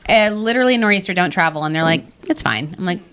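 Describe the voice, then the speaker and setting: Animated woman chatting on a podcast. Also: on the low side, racing, slight background noise. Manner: animated, emphatic storytelling. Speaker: podcast host. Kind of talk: casual chat with a co-host. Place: salt cave with trickling water.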